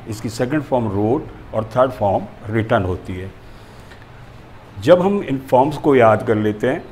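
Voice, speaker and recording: A man's voice: mid-range voice, a little hiss or hum. A male teacher explaining a grammar lesson, methodical and going through examples step by step.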